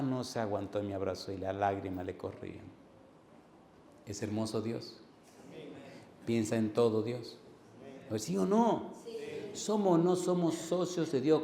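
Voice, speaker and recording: A man's voice: mid-range voice, dark tone, a little hiss or hum. A male pastor preaching a sermon, repeating phrases and firing questions at the congregation. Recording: roomy hall with faint ambience.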